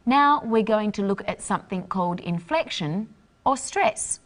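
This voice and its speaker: A woman hosting an English lesson, explaining phrases in a clear, deliberate teaching voice. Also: medium pitch, animated. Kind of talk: scripted lesson narration.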